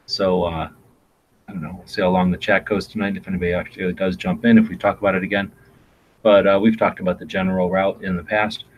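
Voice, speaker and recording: Rambling deep-voiced man. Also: level tone, quick pace, dull audio, slight background noise. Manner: rambling with many fillers and restarts. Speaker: gun channel host. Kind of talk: casual live-stream chat. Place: home in Arizona.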